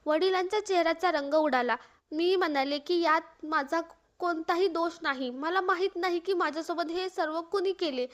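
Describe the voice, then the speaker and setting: A woman tells an emotional first-person story in an earnest, mournful voice. Her voice sits high and carries the sorrow steadily.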